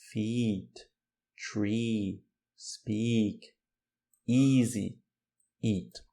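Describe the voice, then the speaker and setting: A man with a Brazilian Portuguese accent teaching English pronunciation, patiently explaining and repeating words slowly. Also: mid-range voice, gravelly, dark tone. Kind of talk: online pronunciation lesson.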